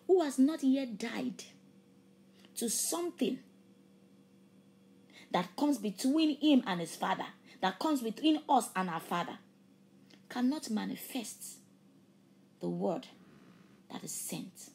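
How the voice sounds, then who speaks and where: Slow, with frequent pauses and lively intonation, a woman with a fairly high pitch delivers a sermon and altar call as preacher and host. Yoruba is her first language, and her fervent preaching swings from loud, emphatic peaks to hushed near-whispers.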